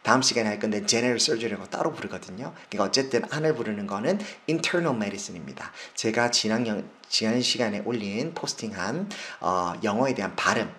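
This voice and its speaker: This doctor's voice is fairly low in pitch and a bit bright. In a casual lesson on medical specialties, he frequently slows to spell and stress English words, with lots of fillers and self-corrections along the way.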